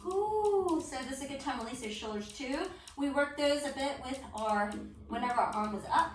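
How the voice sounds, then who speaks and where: A woman's voice: sits high, brisk. A woman teaching an exercise class as an aerobics instructor, calling short encouraging commands and counted cues while exerting herself. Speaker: aerobics and core fitness instructor. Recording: roomy echo, distant mic, music underneath. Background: music.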